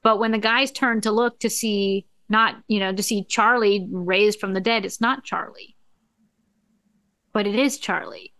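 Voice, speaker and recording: A woman's voice: medium pitch, fairly even intonation, a little slow, fairly bright tone, no room sound. A woman co-hosting a podcast, casually recapping a TV episode with frequent fillers. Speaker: podcast co-host.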